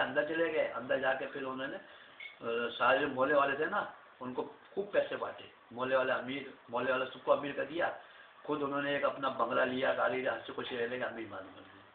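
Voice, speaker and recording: A man tells a folk tale at home in a lively, chatty manner. His voice has a middle pitch and comes through a thin, phone-like recording that echoes in the room, with a faint hiss behind. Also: brisk. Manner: lively, chatty, addresses listeners as "bhaiya". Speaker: family storyteller. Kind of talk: casual folk tale telling.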